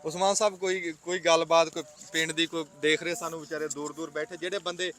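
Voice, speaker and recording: A man's voice: on the high side, level tone, fast, fairly bright tone. A man with a Punjabi accent chatting casually as a vlog host, in a wistful, reflective way. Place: outdoors in a rainy village. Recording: noisy outdoor vlog with vehicle and ambient noise.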